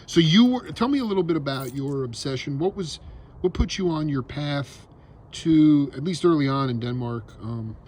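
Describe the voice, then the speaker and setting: A man's voice: fairly high pitch, lively intonation, moderate pace, a little mellow. A man hosting an interview at a guest's house, asking eager, rambling questions full of restarts. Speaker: show host. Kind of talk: casual interview.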